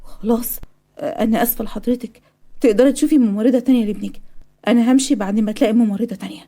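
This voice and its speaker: A woman's voice: on the high side, fast talker, mellow. A woman with an Egyptian accent voicing an earnest young nurse in a cartoon story, speaking in a raised, pleading voice. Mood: apologetic.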